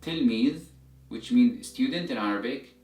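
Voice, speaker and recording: A man's voice: medium pitch, animated, a little hiss or hum. Man teaching a language lesson, roomy echo. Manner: methodical, repeats examples slowly for learners. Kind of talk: instructional lesson, step-by-step explanation. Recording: roomy echo, distant mic, music behind.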